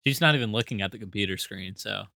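A man's voice: lowish voice, quick pace, vocal fry, bright, forceful tone, no room sound, clean studio sound. A man co-hosting a casual podcast chat, rambling and joking as he reads out the show's plugs. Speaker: podcast co-host.

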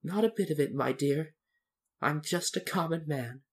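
A man's voice: a little high, normal speed, voice pushed up, close to an everyday voice. A man voicing a little old humbug wizard, meek, fussy and apologetic, with a trembling voice. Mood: meek, hushed.

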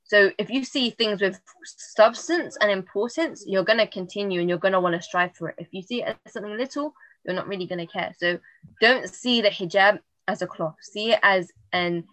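A woman speaks with earnest conviction in a casual podcast chat, her mid-pitched voice sitting close and dry on the microphone. She talks in long, reflective stretches, circling back to make her point. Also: fairly quick, a bit bright, no echo, rough recording. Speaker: podcast co-host.

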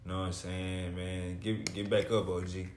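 A man with a fairly low voice co-hosts a casual podcast. He talks in short, slangy statements, and the room echoes clearly around him. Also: little pitch movement, moderate pace, a little mellow, a little hiss or hum. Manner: street slang, short declarative phrases. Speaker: podcast co-host.

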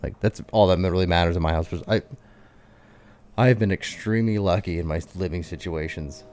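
Low mellow-voiced guy in his 30s, just chatting, rambly and loose. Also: a little fast. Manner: rambling, filler-heavy, candid. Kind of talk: casual chat.

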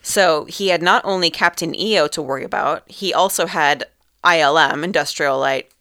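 A woman hosting a casual podcast chat, reading out quotes and adding her own comments in a measured way. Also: low voice, sharp tone, clean tone, no room sound, studio quality. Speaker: podcast host.

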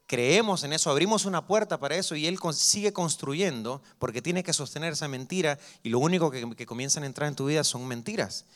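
A young man preaching a sermon as pastor, telling stories lively and acting out the dialogue. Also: fairly high pitch. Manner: lively storytelling that acts out dialogue.

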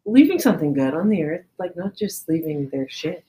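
A woman's voice: low voice, lively intonation, a little fast, dark tone. A woman co-hosting a podcast in casual chat, playful and mock-earnest. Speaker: podcast co-host.

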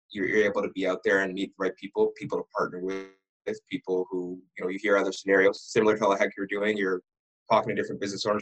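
In a casual podcast interview, an Ottawa real estate broker rambles through his backstory, frequently restarting words. He has a low, somewhat bright voice, and the recording is rough.

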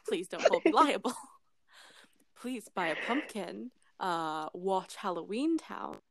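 A young British woman chats casually as a podcast guest, giggly and laughing often between phrases. Her medium-pitched voice is very animated but slow.

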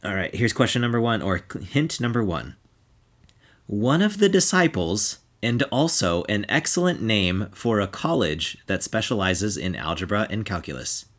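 A man's voice: lowish voice, animated, normal speed, few pauses, fairly bright tone. A man hosting a casual podcast, running a playful pun quiz for his co-hosts. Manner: playful, quiz-master delivery. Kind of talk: casual chat.

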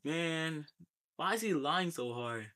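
High bright young man, low quality stream. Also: animated, takes it slowly. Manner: teasing, insistent, repeats himself. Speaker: host asking questions. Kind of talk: casual bantering group chat. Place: online voice call. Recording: low quality, glitchy online call stream.

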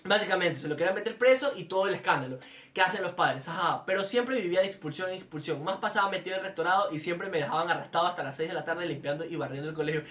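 A man's voice: sits high, rapid-fire, echoey room, far from the mic. A young man hosting a podcast, telling comic stories in casual chat and acting out the people in them. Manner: animated storytelling, slips into quoted voices. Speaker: podcast host.

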